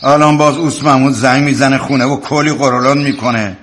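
A man's voice: medium pitch, fairly even intonation, fairly bright tone, natural voice. An actor playing a stern, irritable middle-aged father who brushes off his family. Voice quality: gruff, dismissive. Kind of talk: family drama acting.

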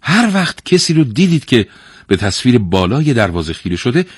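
A man's voice: mid-range voice, sing-song, husky, no echo, studio quality, pitched above the performer's own voice. A man voicing a proud, commanding woman ruler from an old tale, speaking sternly. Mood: stern, indignant.

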